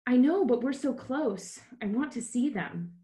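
A woman reading aloud and voicing an eager, starstruck young small-town woman in a higher, excited voice. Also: unhurried.

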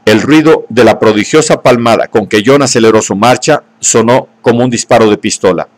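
A man reading a novel aloud in scripted narration, at a steady, measured pace. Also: medium pitch. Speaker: audiobook reader.

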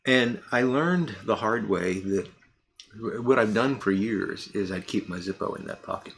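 A man in his fifties with a low, gravelly voice talks casually into a desk camera in his home workshop. He rambles candidly and restarts his sentences often. A faint room ambience sits behind him. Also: fairly bright tone, slight background noise. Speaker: pipe tobacco reviewer.

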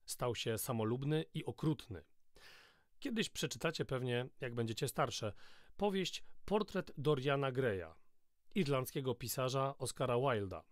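A man reading a novel aloud in the first person, in a steady, measured storytelling voice, close to the mic. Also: medium pitch, no room sound. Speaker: audiobook narrator.

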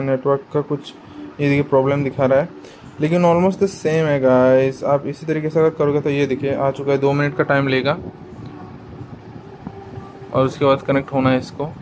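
Talking straight to his audience as "guys," a product reviewer explains a how-to demo in a relaxed, chatty way. His voice is on the high side with a darkish tone, heard over slight background noise in a rough recording.

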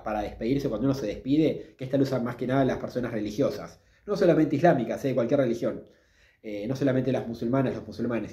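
A man with a Rioplatense Spanish accent, giving a casual video lesson on Arabic greetings and slowly repeating each word for practice. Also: medium pitch, a little mellow, roomy sound. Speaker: Arabic language teacher.

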